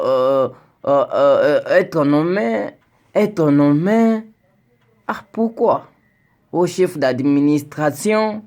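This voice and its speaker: A young man from Congo, voice on the high side and a little mellow, sends his president an earnest, pleading video message. As his indignation rises, his words come out stammered and repeated.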